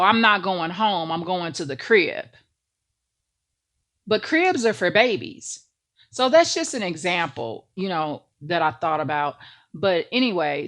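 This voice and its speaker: A woman delivers a preaching monologue to the camera on her own ministry channel. Her voice sits fairly low and she speaks slowly and deliberately, repeating phrases to drive her points home. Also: fairly bright tone. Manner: emphatic, repeats phrases for stress.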